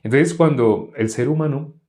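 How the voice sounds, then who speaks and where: A man's voice: mid-range voice, moderate pace, warm tone. A man preaching a sermon in an earnest, repetitive way, often asking the congregation questions.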